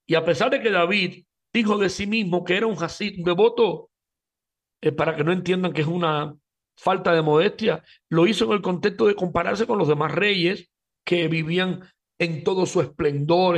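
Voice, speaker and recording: A man giving a Talmud class lecture as a religious teacher, emphatic, speaking straight to his listeners and often stumbling over repeated words. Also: high-pitched.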